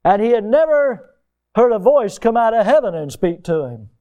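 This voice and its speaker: A man preaching a sermon, emphatic and rising to loud peaks. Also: sits high, big pitch swings, normal speed, lo-fi sound.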